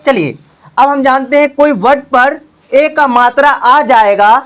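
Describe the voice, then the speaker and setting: A man's voice: extremely high pitch, unhurried. A young man teaching as a tuition teacher, drilling his pupils with repeated call-and-response questions and calling them beta. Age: young adult. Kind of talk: classroom lesson. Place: tuition classroom with children. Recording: noisy classroom recording with clicks.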